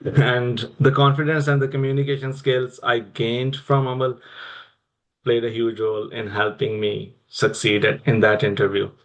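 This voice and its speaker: Young Pakistani man with an even tone. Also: medium pitch, normal speed, rough recording. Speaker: interview guest. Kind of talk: personal career storytelling in conversation.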